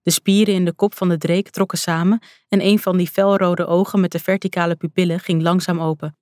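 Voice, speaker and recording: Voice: mid-range voice, flat delivery, fairly quick, darkish tone, dry recording. An audiobook narrator telling a first-person fantasy story in a tense, dramatic way. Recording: dry, close studio sound.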